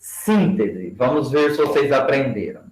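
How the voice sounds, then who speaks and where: A man giving a training lecture to teachers and slowly spelling out example words for his class. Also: mid-range voice, animated, darkish tone. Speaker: education lecturer. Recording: roomy echo.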